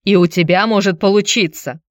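A woman's voice: mid-range voice, fairly quick, no echo, studio quality, pitched above the performer's own voice, close to an everyday voice. Brief: storybook figure, reserved grown man, short hesitant replies, a woman narrator doing him. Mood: terse. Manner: terse, hesitant. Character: awkward, restrained ex-husband, grown man.

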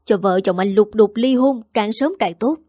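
A woman's voice: mid-range voice, moderate pace, mellow, no echo, studio quality, lightly acted. Woman voicing a whiny spoiled young sister. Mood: whining. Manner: whining, sulky.

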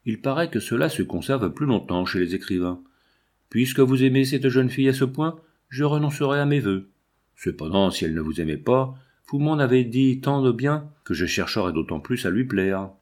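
A man reading aloud and voicing a composed, worldly middle-aged gentleman with a calm, assured manner. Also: mid-range voice, moderate pace, lightly acted.

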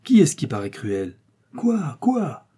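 A man voicing a bossy, domineering middle-aged wife who fires off sharp, impatient questions. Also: mid-range voice, normal speed, breathy edge, natural voice. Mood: alarmed.

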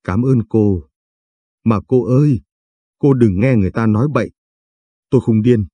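A man's voice: mid-range voice, normal speed, warm tone, breathy edge, dry recording, close to an everyday voice. A man reading the lines of a frightened, confused old woman patient who pleads and stammers. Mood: pleading.

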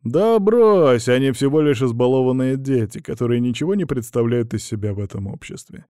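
A man's voice: mid-range voice, lively intonation, warm tone, dry recording, studio quality, lightly acted. A man voicing an arrogant, mocking male battle mage who drags out his taunts in a raised, lilting voice. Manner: sneering, drawn-out taunts.

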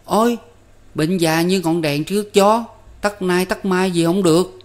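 A man doing a chirpy village boy. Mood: knowing. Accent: Southern Vietnamese. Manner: quick, excited, high-pitched. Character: young boy Năm, eager and chatty.

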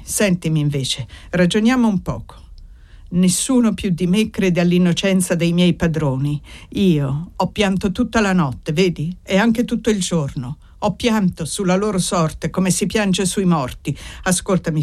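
A reader playing an old male family servant who speaks slowly, gently and in a pleading way. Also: mid-range voice, close to an everyday voice.

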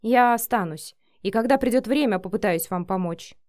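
A woman's voice: mid-range voice, lively intonation, moderate pace, a little mellow, no echo, studio quality, close to an everyday voice. A woman reading the lines of a hurt, defiant young female employee in an audiobook, sounding indignant and pointed. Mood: earnest.

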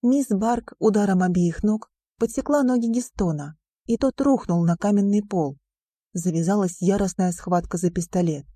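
A woman narrating a novel aloud in an even, measured reading style. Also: mid-range voice, husky, no echo. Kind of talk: audiobook narration.

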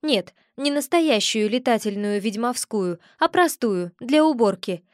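A woman narrating a first-person audiobook with an expressive reading. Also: a little high, dry recording, studio quality.

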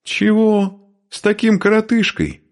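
A quarrelsome Norse warrior woman, put on by a male reader, mocks and scolds in a shrill, lifted voice. Her pitch leaps about with lively swings. The delivery is sharp and sarcastic for an audiobook. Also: unhurried.

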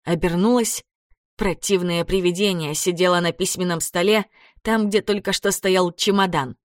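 A woman reading a children's adventure story aloud as narrator, in a dramatic, expressive way. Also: on the low side, moderate pace, no echo, studio quality. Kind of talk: audiobook narration.

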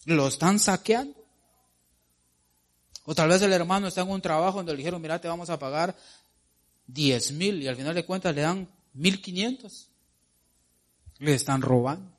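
A man preaching a sermon, emphatic and repetitive, often addressing listeners as brother, his voice sinking low and then rising to excited cries. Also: moderate pace, long pauses. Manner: emphatic, repeats phrases and calls the listeners brother; pitch and loudness swing widely, dropping low then rising to excited cries.

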